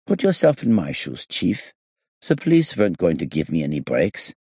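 A man's voice: low voice, huge pitch swings, moderate pace, creaky, a little mellow, slightly rough, dry recording, studio quality, heavily acted. A man reading an audiobook, voicing a smug, self-pitying middle-aged male criminal in a raised, whining voice. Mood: wistful.

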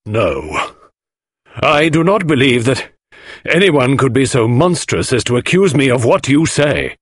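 A man voicing a mournful, indignant widowed husband under suspicion, halting and melodramatic, in an audiobook. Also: medium pitch, big pitch swings, husky, dry recording, clean studio sound, voice pushed up. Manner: halting, melodramatic, murmuring or protesting. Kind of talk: audiobook character voice.

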